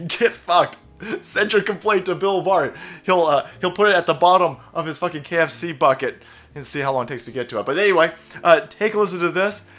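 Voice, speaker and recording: A man hosts a profane commentary rant, mocking and crude. His voice sits a bit higher than most men's. He often jumps into sarcastic put-on voices. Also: fairly quick, fairly bright tone, soft background music. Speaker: political commentary host.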